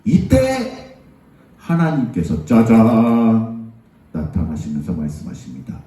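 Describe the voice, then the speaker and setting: A man preaching to a Sunday school, telling a Bible story in an animated way and acting out the people's voices. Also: fairly low pitch, takes it slowly. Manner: animated, acts out the crowd's voices. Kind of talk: children's sermon storytelling. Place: church. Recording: echoey church hall, voice from far off.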